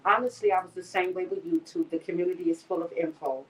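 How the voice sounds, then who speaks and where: A woman's voice: on the low side, fairly even intonation, fast. A middle-aged woman co-hosting a casual live stream, chatty and repeating herself as she greets viewers by name. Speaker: live-stream co-host, mother. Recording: voice a bit distant from the mic.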